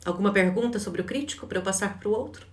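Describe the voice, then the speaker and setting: A Brazilian woman coaching a live online class, relaxed and chatty, ending nearly every phrase with a questioning tag. She often restarts and repeats words as she thinks aloud. Her voice sits at a middling pitch and sounds roomy, as if the mic is a little way off. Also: quick pace, recorded from a distance. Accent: Brazilian Portuguese. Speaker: behavioral coach.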